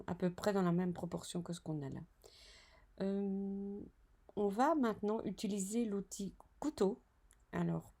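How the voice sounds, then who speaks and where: Over a screen recording, a woman tutors design software, chatting as she narrates each step and correcting herself in asides. Her voice is mid-range with vocal fry.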